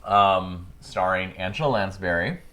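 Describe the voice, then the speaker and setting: Chatty low-voiced man co-hosting a podcast. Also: a little slow. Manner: animated, chatty storyteller who laughs often. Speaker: podcast co-host. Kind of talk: casual chat.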